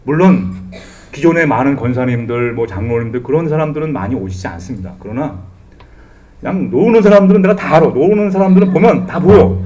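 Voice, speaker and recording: A middle-aged man preaching a sermon in church as pastor, animated and humorous, acting out the voices he quotes. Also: mid-range voice, fairly quick. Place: church sanctuary.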